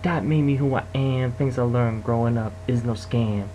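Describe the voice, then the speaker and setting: A man's voice: medium pitch, moderate pace, dark tone, faint music behind, poor audio. Young man rapping a freestyle. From Detroit area, United States. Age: young adult. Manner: rhythmic rhyming delivery with a chanted hook. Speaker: amateur rapper. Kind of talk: freestyle rap.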